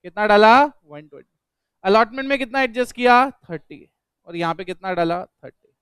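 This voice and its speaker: In a classroom lecture on accountancy, a man speaks in a high, slightly bright, clean voice with lively intonation at normal speed, in studio quality with no room sound. He keeps asking students questions, repeats them, and drills the answers back, mixing in English accounting terms.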